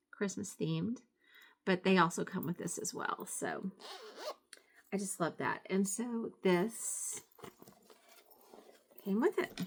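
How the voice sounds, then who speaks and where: A woman's voice: fairly low pitch, creaky, a bit bright. A woman chatting casually in a show-and-tell craft vlog, gushing appreciatively over the things she shows. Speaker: craft vlogger.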